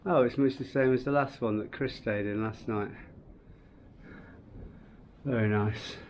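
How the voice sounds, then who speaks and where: With a medium-pitched, steady and slightly mellow voice, a man talks unhurriedly into a handheld camera while hiking the open moorland hills. His chatty narration is accompanied by wind and ambient sound outdoors.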